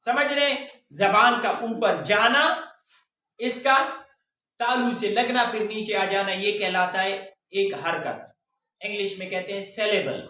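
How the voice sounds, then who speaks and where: Male classroom teacher, deliberate syllable-by-syllable delivery, heavy room echo, distant mic. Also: sits high, sharp tone, a little hiss or hum. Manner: stretches words out slowly syllable by syllable, quizzes the class. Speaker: English teacher. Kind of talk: classroom pronunciation lesson. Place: echoey classroom with students. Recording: very echoey room, voice from far off.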